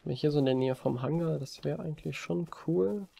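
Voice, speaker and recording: A man giving relaxed, rambling commentary over a video game from his desk, with frequent hesitations. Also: a little high, brisk, creaky, slightly rough. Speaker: let's play gamer. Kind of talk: casual gameplay commentary. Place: home desk. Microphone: desk mic on a stand.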